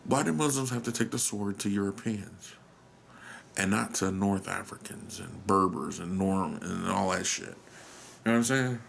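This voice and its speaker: A low-sitting, gravelly and somewhat bright voice at normal speed marks this American podcast host's solo ramble, recorded with slight background noise. His manner is musing and self-questioning, his thoughts trail off, and he sometimes drops to a whisper and swears casually.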